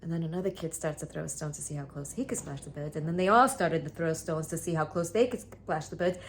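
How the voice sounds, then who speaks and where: A woman performs a theatre monologue as a traumatised, lonely young woman, speaking in a low voice that is halting and intense and often drops to a breathy hush. The mood is uneasy and hurt, with slight background noise.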